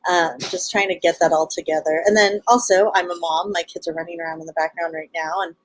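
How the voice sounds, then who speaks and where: Bubbly valley girl from LA, casual sorority girl chatter, slightly low female voice, dry sound. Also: steady tone, a little fast, no room sound, rough recording. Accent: Californian Valley Girl. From Los Angeles, United States. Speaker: podcast guest, show co-founder and event organizer. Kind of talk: casual live interview chat.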